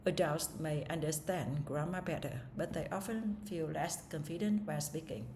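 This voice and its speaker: This deep, darkish voice belongs to a woman whose first language is Vietnamese, speaking at a moderate pace with a little background noise. She quizzes herself on English speaking-test questions and answers haltingly, often starting over.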